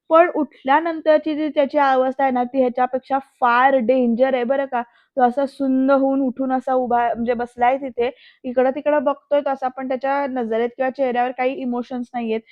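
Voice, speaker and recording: A woman with a high voice that stays flat in pitch chats through a TV episode, turning to her viewers again and again. The sound is dry and a touch dull, like a lo-fi home recording. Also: no echo. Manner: chatty, addresses viewers directly. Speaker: serial episode reviewer. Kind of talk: retelling a TV episode.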